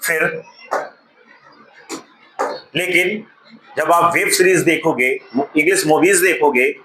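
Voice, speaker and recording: A man's voice: a little high, slow pace, sharp tone. A man teaching a spoken English class, asking the class questions and repeating key words. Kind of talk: classroom lesson. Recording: echoey classroom with faint noise.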